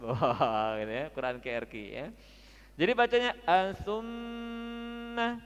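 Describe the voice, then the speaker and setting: A man teaching Quran recitation at a mosque study session, chatty and joking, drilling the audience with slow, drawn-out recitations. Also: high voice, animated, smooth, lo-fi sound.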